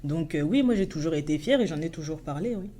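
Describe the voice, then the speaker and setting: A woman's voice: sits low, expressive, fast talker, mellow. Earnest woman author on the radio. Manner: earnest, impassioned explaining. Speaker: author, studio guest. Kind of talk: radio interview.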